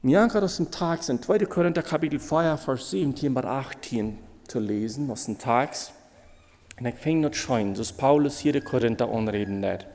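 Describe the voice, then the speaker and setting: A man preaching a sermon in with a Low tinge, halting and emotional, repeating phrases as he goes. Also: lively intonation, a little mellow, long reverb tail.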